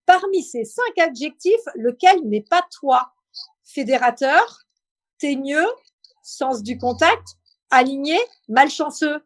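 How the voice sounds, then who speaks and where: High-pitched woman hosting an informal interview. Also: expressive, slow pace. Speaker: interview host. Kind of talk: live online interview, quiz-style questions then conversation.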